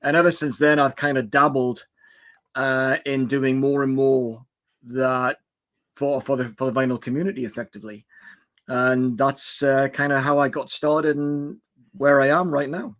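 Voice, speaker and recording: A man's voice: mid-range voice, flat delivery, normal speed, a bit bright. A retired man in his sixties, chatting casually on a livestream about his vinyl channel, rambling with many fillers. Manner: rambling, filler-heavy storyteller. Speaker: YouTube vinyl channel host, guest.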